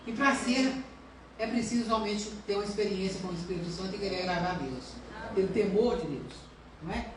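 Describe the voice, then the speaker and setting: This is a woman pastor preaching earnestly and asking rhetorical questions of her congregation, picked up from a distance in a church. Her voice sits in the mid range, surrounded by heavy reverb and a little hiss or hum.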